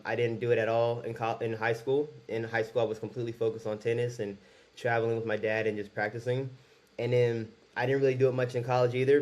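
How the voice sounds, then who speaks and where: A man in his twenties makes his debut YouTube video, speaking casually and openly to the camera. His voice has a medium pitch and a darkish tone, and he tends to wander and restart his sentences.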